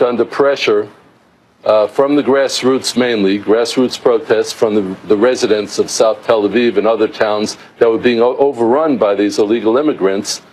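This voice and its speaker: A man's voice: mid-range voice, darkish tone, poor audio. Middle-aged man explaining in an interview. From United States. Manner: explanatory, with frequent restarts and fillers. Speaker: interview guest, author. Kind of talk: remote news interview.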